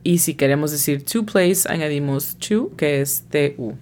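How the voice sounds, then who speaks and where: A woman with a low voice leads a scripted language lesson at an unhurried pace. She is patient and spells out every pronunciation letter by letter. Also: a little mellow, a little hiss or hum. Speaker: English teacher and host.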